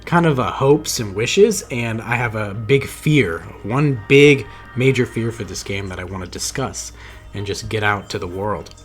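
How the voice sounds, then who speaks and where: A man's voice: lowish voice, expressive, a little slow, faint music behind. A man talking straight to his viewers about a video game he loves, earnest and rambling, with many restarts and fillers. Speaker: gaming video creator. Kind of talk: casual monologue to camera. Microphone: camera-facing mic.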